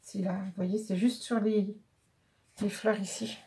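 A woman's voice: medium pitch, level tone, a little slow, mellow. A French woman vlogging a craft haul, chatting casually and thinking aloud as she pages through paper pads. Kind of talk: casual show-and-tell.

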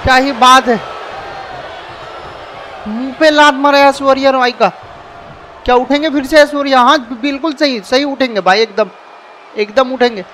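A man giving excited, casual commentary over a wrestling video game and often shouting. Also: extremely high pitch, moderate pace, pauses often. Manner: excitable, shouts often, calls people bhai. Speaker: gameplay commentator. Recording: noisy background with crowd sounds. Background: video game arena crowd and noise.

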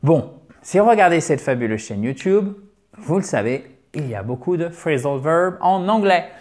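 A man teaching English pronunciation at a board. He talks lively, calls his viewers dear friends, and slowly repeats English words to model each sound. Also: a little high. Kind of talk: explaining a lesson at a board.

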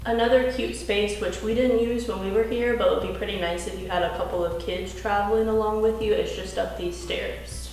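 A woman's voice: medium pitch, steady tone, darkish tone. Woman giving an echoey house tour. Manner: slow, descriptive, upbeat tour-guide delivery. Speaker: travel vlog co-host. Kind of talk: home tour narration. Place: indoors in a small holiday rental house. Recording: echoey rooms with background music.

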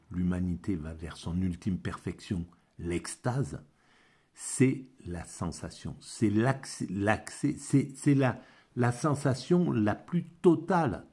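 A man rambling through a philosophy monologue, halting often and repeating words as he searches for them. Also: fairly low pitch, warm tone, slightly rough. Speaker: amateur philosophy vlogger.

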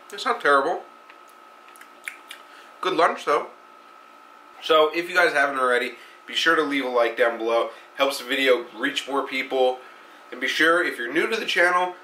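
A man's voice: mid-range voice, sharp tone, a little hiss or hum, rough recording. A man with a stuffy, congested nose, casually talking through his cooking step by step in a home kitchen. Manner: laid-back, talks through each step. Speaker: outdoor cooking vlogger. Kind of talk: casual vlog narration.

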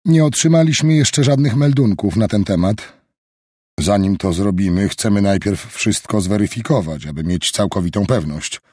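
A man's voice: fairly low pitch, lively intonation, normal speed, a little mellow, breathy edge, dry recording, clean studio sound. A man voicing a cornered, irritated male executive who answers curtly, in an audiobook reading. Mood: guarded.

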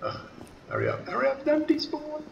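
A man's voice: very high-pitched, huge pitch swings, a little fast, gravelly, echoey room, lo-fi sound, a little hiss or hum. A man giving casual gameplay commentary, muttering and grumbling dryly to himself.

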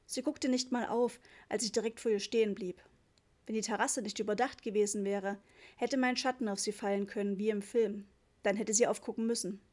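A woman narrating a children's audiobook in a lively storytelling manner. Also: medium pitch, fairly quick. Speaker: audiobook reader.

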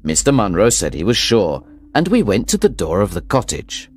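Deep-voiced man narrating a story. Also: normal speed. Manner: steady, clear storytelling. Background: soft music.

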